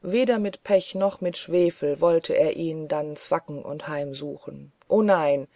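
Audiobook reader narrating a dark tale. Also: mid-range voice, fairly even intonation, a little slow, no echo. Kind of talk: scripted literary narration.

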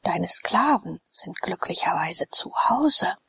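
A woman's voice: lowish voice, expressive, takes it slowly, vocal fry, fairly bright tone, slightly rough, no room sound, whispered, exaggerated voice. A woman doing a loyal freedman servant. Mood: earnest.

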